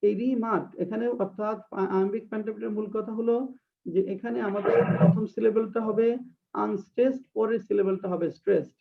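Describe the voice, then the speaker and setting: Gravelly, high-voiced man teaching. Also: fairly even intonation, noisy background. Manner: hesitant, frequent filler sounds, slowly dictates and repeats definitions. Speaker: English literature teacher. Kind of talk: online exam-prep lecture. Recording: distant, tinny phone-like sound.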